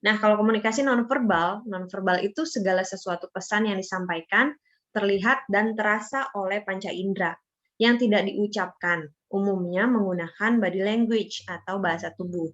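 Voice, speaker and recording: A young woman gives a student presentation in a relaxed, conversational way. She fills her speech with hesitations and little tag words. Her voice sits at a middling pitch, and the recording sounds a bit dull and lo-fi. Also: normal speed. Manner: chatty, with many fillers and tag words. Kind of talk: casual explanatory presentation.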